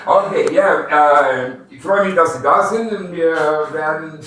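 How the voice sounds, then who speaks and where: A man's voice: on the high side, measured pace, bright, forceful tone. A man, an export manager from the United States with a Franconian-tinged German accent, explaining rifle features step by step in a product demonstration. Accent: American with a Franconian German dialect. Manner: explains technical details step by step, some grammar slips. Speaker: export manager of a gun maker. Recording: roomy, distant field recording with faint noise.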